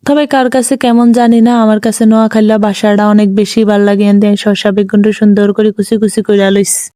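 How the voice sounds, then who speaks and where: A woman's voice: mid-range voice, little pitch movement, fast, warm tone, no room sound, studio quality. A woman with a Chandpur Bengali accent narrating her home cooking video in a chatty, rambling, self-deprecating way. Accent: Chandpur Bengali dialect. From Bangladesh. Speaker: cooking vlogger. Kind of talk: casual voice-over narration.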